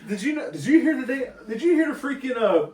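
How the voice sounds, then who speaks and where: A man co-hosting a podcast in casual chat, animated and exclaiming often as he talks. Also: very high-pitched, fast, crowd noise. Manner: animated, exclaims often, mocks bad accents. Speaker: podcast co-host. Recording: echoey room, mic at a distance.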